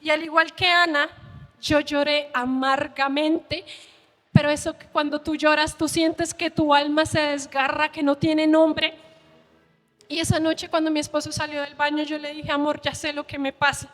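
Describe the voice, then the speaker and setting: A woman preaches her own story in a very high, fairly even voice, heartfelt and close to tears. Her words ring out with the long reverb of a church hall. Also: moderate pace. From Colombia. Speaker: preacher giving testimony. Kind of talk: emotional sermon testimony.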